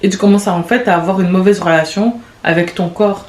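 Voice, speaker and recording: A woman in her late twenties hosting a podcast, talking in a rambling, confessional way with quick restarts and laughs. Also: fairly low pitch, steady tone, a little mellow. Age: late 20s. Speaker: podcast host. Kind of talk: casual confessional monologue. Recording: echoey room with faint background noise.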